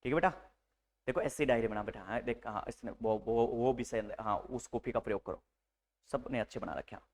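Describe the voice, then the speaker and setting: A man teaching a live nursing class to a room of students, lively and teasing, mixing English medical terms into his speech. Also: medium pitch, brisk. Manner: animated, teasing, mixes Hindi with English terms.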